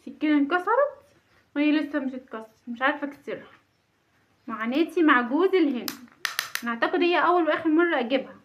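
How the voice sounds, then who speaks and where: Fast-talking Egyptian mom vlogging at home. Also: female voice, sits high, expressive, slight background noise. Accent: Egyptian Arabic. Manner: chatty, self-mocking, nervous laughter. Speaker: vlogger, mother. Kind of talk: casual home vlog. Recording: dull lo-fi home recording.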